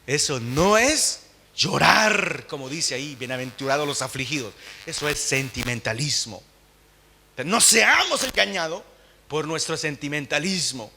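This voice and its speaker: A young man from Latin America preaching a sermon in church, swinging from emphatic peaks down to low, intimate asides. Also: expressive, measured pace, vocal fry, sharp tone, a little hiss or hum. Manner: impassioned, rising to emphatic peaks then dropping low and intimate.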